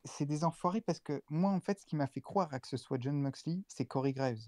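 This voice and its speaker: A podcast co-host chatting casually about a wrestling show, quick and full of restarts. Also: mid-range voice, darkish tone, dry recording, studio quality.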